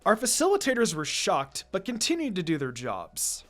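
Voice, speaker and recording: With a mid-range, slightly bright voice and huge pitch swings, a channel host tells fan fiction in expressive first person at a moderate pace. Casual asides break up the storytelling, and background music runs beneath.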